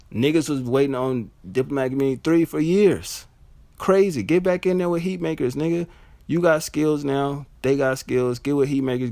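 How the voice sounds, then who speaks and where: Gravelly-voiced man, blunt and profane. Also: no echo. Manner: blunt, profane, animated with high-pitched mock reactions. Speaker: music reviewer. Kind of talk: casual solo album review.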